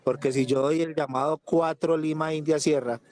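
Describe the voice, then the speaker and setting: A man's voice: on the high side, fairly even intonation, normal speed, a little mellow. A man explaining a point in a group discussion. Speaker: participant.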